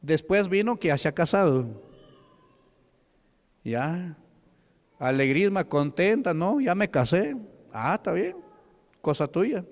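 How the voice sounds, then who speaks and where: A man with a Peruvian Spanish accent preaching a sermon as a deacon, reading scripture slowly and questioning the congregation. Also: high voice, expressive. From Peru. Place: church hall. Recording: long church reverb.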